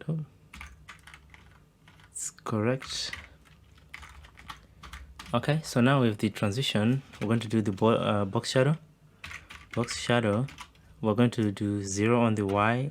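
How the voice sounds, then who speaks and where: A man's voice: fairly low pitch, slight background noise. Man talking through code while typing. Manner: talks while typing, thinks aloud with fillers. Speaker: coding instructor. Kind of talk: screen-recorded coding tutorial. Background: keyboard typing.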